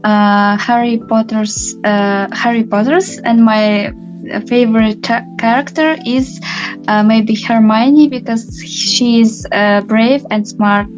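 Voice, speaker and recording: A woman's voice: fairly high pitch, steady tone, slow, highs cut off, faint music behind. A woman in her twenties, a student answering hesitantly with many fillers. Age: 20s.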